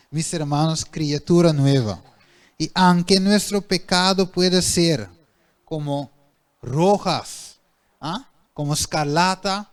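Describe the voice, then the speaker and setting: A man's voice: on the high side, clean tone. A male preacher giving a sermon who keeps asking the congregation questions and then answering them himself.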